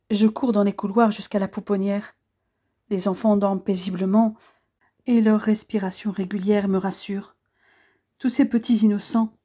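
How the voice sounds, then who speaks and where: A woman reading a first-person audiobook in a measured, earnest storytelling manner. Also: mid-range voice, mellow. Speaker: audiobook narrator.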